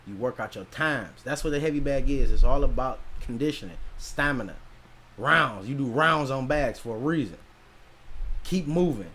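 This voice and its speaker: A young man co-hosting a podcast, bantering loudly in casual chat, animated and profane. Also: mid-range voice, moderate pace, slightly rough. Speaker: podcast co-host.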